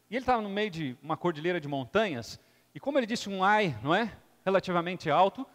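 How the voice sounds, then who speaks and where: A man's voice: high voice, fairly bright tone, in a large hall. A man preaching a sermon as pastor with a Brazilian accent, emphatic and fond of tag questions. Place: church sanctuary.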